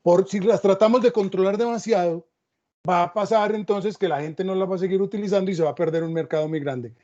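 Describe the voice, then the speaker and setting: Moderating an academic panel, this man reflects on the topic and tosses in storytelling asides. His voice sits high with a darkish tone, and he speaks fast. The audio sounds dull and lo-fi.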